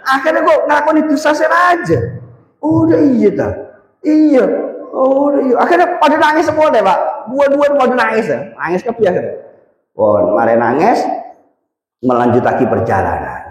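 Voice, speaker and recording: A man preaching a storytelling sermon at a mosque, talking in an animated way and calling to his listeners. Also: mid-range voice. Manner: animated, addresses listeners as Pak and Kak. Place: mosque hall. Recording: echoey hall with long reverb.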